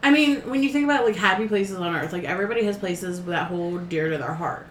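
A woman's voice: fairly low pitch, quick pace. A woman co-hosting a casual podcast chat, telling stories animatedly and acting out what other people said. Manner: animated storyteller, acts out quoted voices. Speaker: podcast co-host. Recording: echoey room with faint background noise.

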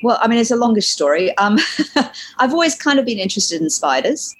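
A woman's voice: on the high side, sing-song, a little fast. A woman from New Zealand who grew up in Hong Kong, with a mixed New Zealand and Hong Kong English accent, chatting easily as a guest on a podcast. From New Zealand, raised in Hong Kong. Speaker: spider photographer guest. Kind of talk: casual interview chat.

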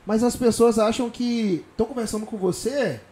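A man's voice: very high voice, mellow, echoey room. A man, chatting casually and telling jokey stories. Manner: quick, joking storyteller. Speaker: podcast co-host, police officer. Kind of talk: casual chat.

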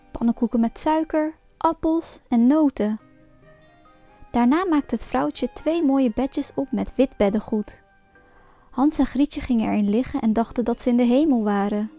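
Woman reading a fairy tale aloud. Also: on the high side. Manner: lively, expressive storybook reading. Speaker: storyteller. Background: faint music.

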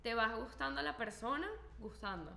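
A woman with a bright, slightly high voice thinks aloud in a casual podcast chat. She restarts phrases as she works out her point, and the room around her is echoey with faint noise. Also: moderate pace, gravelly.

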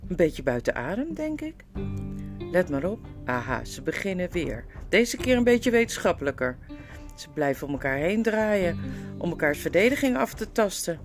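A woman's voice: on the low side, very animated, moderate pace, music in the background. A woman voicing an eager, tense young boy watching a sword fight in a storybook.

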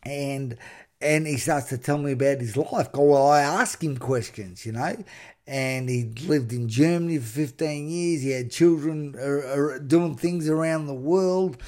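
A middle-aged man from Australia hosting a podcast, telling motivational stories in an earnest, excitable way, often restarting and repeating words. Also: on the high side, a little slow. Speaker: podcast host. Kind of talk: motivational storytelling monologue.

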